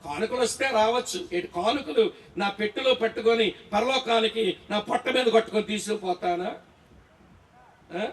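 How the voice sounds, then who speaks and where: A man's voice: high-pitched, normal speed. A man preaching a sermon to a pastors' conference, firing rhetorical questions at the crowd and checking they follow. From Andhra Pradesh, India. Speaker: Bible teacher preaching. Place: large echoey hall. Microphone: distant from the mic. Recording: echoey hall, voice from far off.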